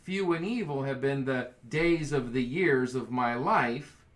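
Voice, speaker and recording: Male Bible study leader, bright tone, enthusiastic and playful. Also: medium pitch, a little slow. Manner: enthusiastic, reads scripture aloud, jokes. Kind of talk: casual Bible study teaching.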